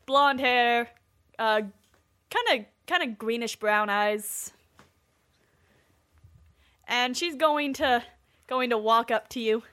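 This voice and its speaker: A woman's voice: a little high, slow pace, pauses often, a bit bright. A woman narrating as game master in a tabletop game, hesitant and full of fillers.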